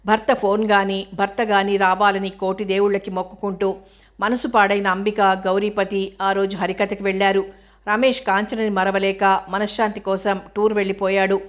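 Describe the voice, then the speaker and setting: Flat, steady woman reading a novel. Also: medium pitch, normal speed. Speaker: audiobook narrator. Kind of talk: scripted novel narration.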